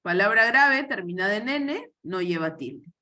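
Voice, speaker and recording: A woman's voice: mid-range voice, lively intonation, a little slow, bright, forceful tone. A woman, teaching an online workshop on spelling rules and explaining patiently step by step with frequent checks for understanding.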